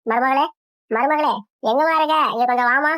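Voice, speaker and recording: A woman's voice: sits high, brisk, fairly bright tone. A woman voicing a nagging, suspicious old mother-in-law in a cartoon, with a scolding, complaining manner. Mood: calling, complaining. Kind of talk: cartoon voice acting.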